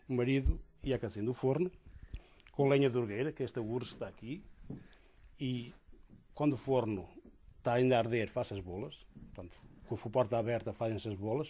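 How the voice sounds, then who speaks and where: A man in his forties with a northern Portuguese accent, interviewed by a bread oven, explaining slowly and searching for words. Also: medium pitch, warm tone, slight background noise. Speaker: villager, baker at the oven. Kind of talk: casual interview. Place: outdoors by a village bread oven.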